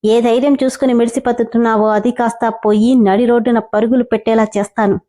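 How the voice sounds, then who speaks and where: A woman's voice: a little high, flat delivery, brisk, dark tone, natural voice. Siddharth, a woman doing a sneering young male boss. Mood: taunting. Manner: sarcastic, taunting.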